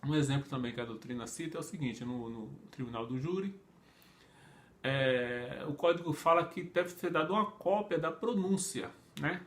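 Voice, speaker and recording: Man, Brazilian accent, law teacher, conversational lecture, rhetorical questions, fairly high voice. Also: normal speed. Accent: Brazilian Portuguese. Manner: conversational, asks rhetorical questions, acts out imagined speakers; frequent tag questions and fillers.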